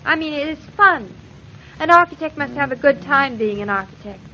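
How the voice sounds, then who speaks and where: An actress playing a cheerful, affectionate young newlywed wife in an old-time radio drama. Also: female voice, high voice, lively intonation, a little fast, bright, forceful tone, a little hiss or hum. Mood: bright, teasing. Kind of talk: 1950s radio drama acting. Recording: muffled old radio transcription.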